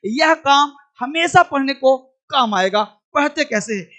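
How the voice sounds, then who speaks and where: A man's voice: extremely high pitch, animated, a little slow, sharp tone. A man teaching an online English pronunciation class, repeating each point and quizzing his students affectionately. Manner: repetitive, drilling and quizzing students; affectionate, calls students child.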